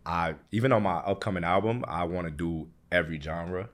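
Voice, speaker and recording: A man of about thirty with a low-pitched voice and a Queens, New York accent. He talks casually, like an artist being interviewed. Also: fairly quick. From Queens, New York, USA. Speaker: guest, hip hop artist.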